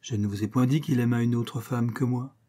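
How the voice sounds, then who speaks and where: A man's voice: medium pitch, fairly even intonation, fairly quick, mellow, lightly acted. A man reading aloud, voicing a young baroness who complains plaintively about her husband.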